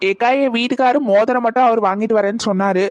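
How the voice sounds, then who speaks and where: A polite young married neighbor in a cartoon, played by a woman, earnest and chatty. Her voice sits a little high. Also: fairly even intonation, fast talker, a little mellow, natural voice.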